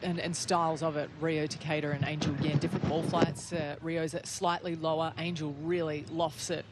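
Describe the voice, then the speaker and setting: A man's voice: on the high side, level tone, normal speed. A man working as a golf commentator, giving conversational live analysis of shots and play. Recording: clear outdoor background noise.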